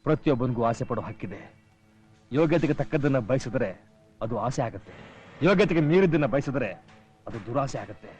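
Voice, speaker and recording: An actor playing a stern elder brother and head of the family, commanding and lecturing in a film drama. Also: male voice, medium pitch, lively intonation, brisk, pauses often, a little mellow, breathy edge, highs cut off, faint music behind.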